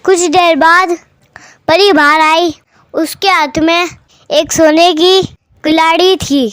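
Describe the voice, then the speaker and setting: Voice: very high voice, fairly even intonation, slow, a bit bright, dry recording, studio quality. A storyteller narrating a simple folk tale in a plain storybook manner.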